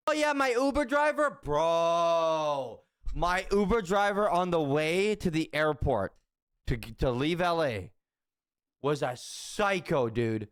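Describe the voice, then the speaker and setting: A man's voice: on the high side, dry recording, clean studio sound. Profane young man telling stories casually. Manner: profane, repeats phrases, laughs while telling. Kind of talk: casual storytelling chat.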